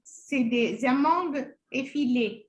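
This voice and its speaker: A woman's voice: high-pitched, takes it slowly. A woman from Morocco, explaining her dishes as a guest cook on a video call and searching for words as she lists ingredients. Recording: echoey room over a video call.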